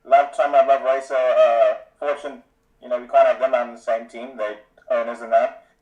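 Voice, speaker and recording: Male, South African accent, easygoing interviewee, medium pitch, roomy echo on the mic. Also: flat delivery, normal speed, darkish tone, muffled recording. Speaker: esports racing driver being interviewed. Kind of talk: casual interview chat. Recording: roomy, echoey remote voice chat.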